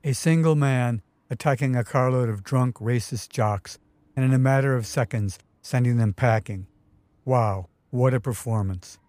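A man's voice: mid-range voice, normal speed, darkish tone, no room sound. A man narrating his own memoir story in a vivid, wry storytelling manner. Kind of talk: first-person memoir narration.

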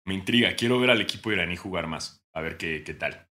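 A young Mexican man co-hosting a casual podcast chat, joking and now and then breaking into mock shouting. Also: low voice, a little fast. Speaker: podcast co-host.

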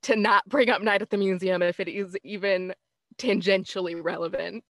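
A woman's voice: medium pitch, steady tone, dry recording. Enthusiastic woman, dry close sound. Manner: enthusiastic, quick interjections. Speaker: podcast co-host. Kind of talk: casual podcast banter.

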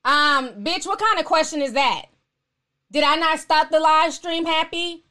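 A very high-pitched woman talks casually as host of her own live stream. She is sassy and outspoken, answering commenters bluntly and with plenty of slang. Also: a little slow, bright, forceful tone.

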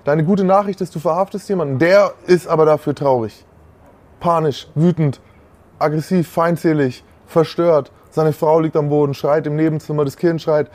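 A man speaking as a guest in a relaxed interview, earnest and reflective. He leans hard on key points to stress them. His voice sits somewhat high for a man. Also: moderate pace. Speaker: guest, former convict. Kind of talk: casual interview conversation.

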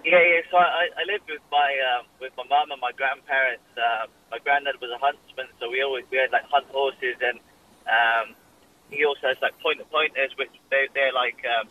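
A man's voice: mid-range voice, fairly even intonation, moderate pace, lo-fi sound, slight background noise. A young Welsh man chatting casually in a radio interview, full of fillers and restarts. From Wales. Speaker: jockey guest.

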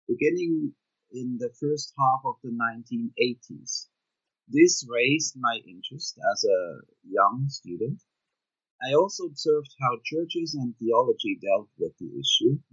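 A middle-aged man, a Bible professor answering interview questions in a careful, deliberate, academic way, on dull, lo-fi remote audio. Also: medium pitch, fairly bright tone, slightly rough, dry recording. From Switzerland. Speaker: guest author, Bible professor.

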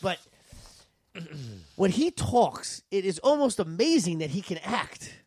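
A man's voice: sits high, sing-song, darkish tone, slightly rough, dry recording, clean studio sound. A man hosting a trivia podcast, asking questions and explaining in casual, chatty talk. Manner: chatty, explaining, quick to laugh. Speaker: podcast host, quizmaster.

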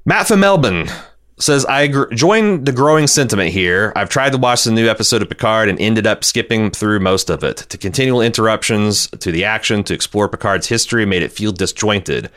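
A man with a fairly low but fairly bright voice hosts a casual podcast, recapping TV shows and reading listener feedback as an opinionated critic. He speaks fairly quickly with lively intonation, sounding exasperated and peppering his talk with profanity.

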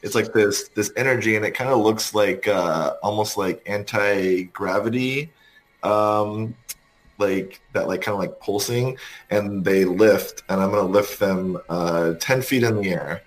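A man playing a tabletop role-playing game, describing his character's actions haltingly with many pauses and fillers. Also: fairly low pitch. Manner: hesitant, full of ums, describes actions slowly. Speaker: player.

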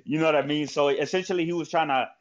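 A man's voice: fairly high pitch, fast. Rambling profane man in lo-fi audio. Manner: rambling, profane, lots of fillers. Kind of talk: casual chat. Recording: dull lo-fi audio.

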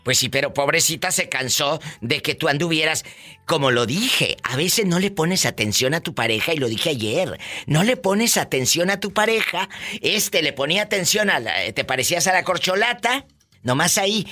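A man from Tamaulipas, Mexico, hosts a live radio call-in show in a flamboyant, teasing, campy style. His voice is on the high side, pushed and bright, with lively intonation at normal speed. Music plays in the background.

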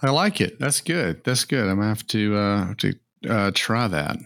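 Male podcast co-host, lowish voice, loose and casual, dry close sound. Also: normal speed, gravelly, no room sound. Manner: relaxed, many fillers and restarts.

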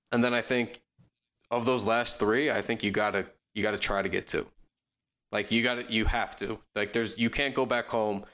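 A man co-hosting a podcast, talking casually about basketball in a quick, rambling way with lots of fillers and restarts. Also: fairly low pitch, fairly bright tone. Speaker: podcast co-host. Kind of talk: casual sports chat.

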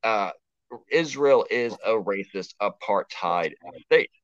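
A man's voice: on the low side, lively intonation, slow pace, no room sound. A man from Texas, a podcast guest, talking bluntly and emphatically with plenty of swearing in a casual conversation. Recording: dull, dry lo-fi remote audio.

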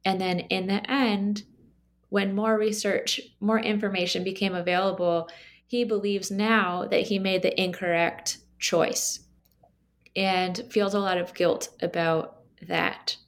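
A woman speaking at a middle pitch with a creaky, gravelly edge to her voice. She explains her research findings in a measured academic interview, pausing with the odd um. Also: level tone. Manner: measured, explanatory, frequent ums. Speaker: author interviewed about her book.

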